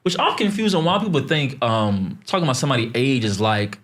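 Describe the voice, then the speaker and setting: A man's voice: medium pitch, big pitch swings, fairly quick, fairly bright tone. A man hosting a podcast in a studio, chatting casually and teasing his co-hosts, with frequent fillers. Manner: laid-back, teasing, trails off with fillers. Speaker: podcast host. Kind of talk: casual chat.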